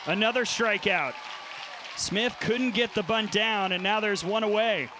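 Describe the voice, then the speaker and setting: A man calling live softball play-by-play in clipped, punchy phrases. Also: sits high, unhurried. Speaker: play-by-play announcer. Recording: noisy stadium crowd behind commentary. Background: crowd and outdoor ballpark noise.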